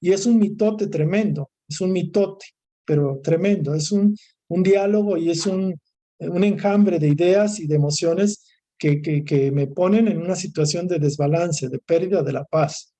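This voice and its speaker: A course instructor with a Mexican Spanish accent delivers a recorded lecture in a high-pitched, mellow voice at a measured pace. His discursive style repeats, lists and restarts phrases.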